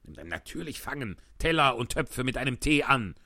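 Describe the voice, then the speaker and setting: A man voicing an irritable old king in a storybook reading, loud and blustering. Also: medium pitch, sing-song, normal speed, dry recording, clean studio sound, pitched above the performer's own voice, exaggerated voice. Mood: angry.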